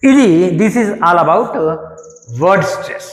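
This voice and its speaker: A man teaching English word stress, explaining slowly and repeating each example word. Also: high voice, expressive. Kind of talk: spoken grammar lesson. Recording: echoey room with long reverb.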